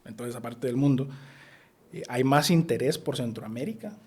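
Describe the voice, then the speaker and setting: A man's voice: mid-range voice, moderate pace, warm tone, slightly rough. A man, answering interview questions as a political scientist, thoughtful with bursts of emphasis. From El Salvador.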